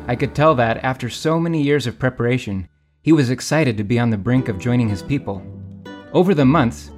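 A man narrating as a small motorcycle in earnest, scripted storytelling over guitar music. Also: mid-range voice.

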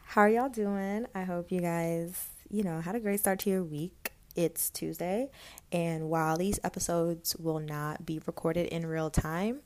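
Young woman, light Guyanese accent, low voice, chatty candid podcast host, casual storytelling. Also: fairly even intonation, measured pace, a little mellow. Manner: chatty, candid, laughs often, many fillers.

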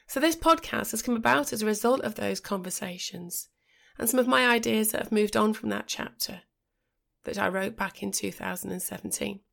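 A middle-aged woman hosts a podcast, her voice croaky and gravelly with fry as she gets over a cold. She talks in a measured, reflective way at a middle pitch, now and then restarting a phrase. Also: a bit bright. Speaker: podcast host. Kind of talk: scripted podcast monologue.

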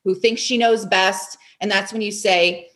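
A woman's voice: mid-range voice, steady tone, a little slow, fairly bright tone. A woman who is a coach and author, a guest on a podcast interview, talking energetically and acting out her own inner voice with emphatic bursts.

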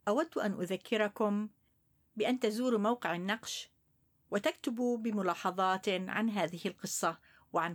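A woman hosting children's stories in a grandma-style storytelling manner, speaking directly to young listeners. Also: mid-range voice. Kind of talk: grandma-style folk tale narration for children.

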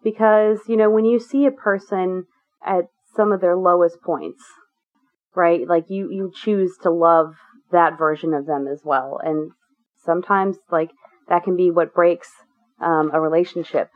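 A woman appearing as an interview guest talks candidly and at length in an earnest, rambling way, full of fillers and restarts. Her voice is on the low side with fairly even intonation and an unhurried pace, heard over a tinny, phone-like line.

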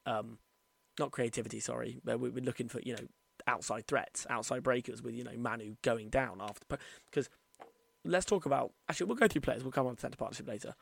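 A man's voice: medium pitch, gravelly. A man hosting an informal solo sports podcast, giving his opinions with plenty of "you know", his speech slightly altered by wearing retainers. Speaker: podcast host.

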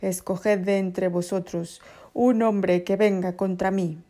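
A woman's voice: mid-range voice, steady tone, slow, warm tone, close to an everyday voice. A woman playing a boastful giant male warrior in a children's Bible story, calling out a challenge in declamatory reading. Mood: defiant challenge.

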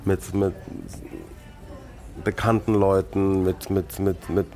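A man's voice: deep voice, faint music behind. A man in his early forties, a guest telling stories in a casual chat, with many restarts. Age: 40s. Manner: fast, animated storytelling with many restarts.

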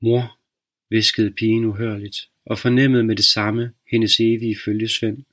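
A man hosting a podcast, reading a dark short story aloud in a slow, measured narration. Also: lowish voice, level tone. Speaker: podcast host and reader.

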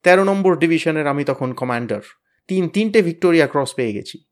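A man voicing a bossy, blustering teenage boy who leads his gang, loud, threatening and boastful. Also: on the high side, expressive, quick pace, natural voice. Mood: boasting. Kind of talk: storybook reading.

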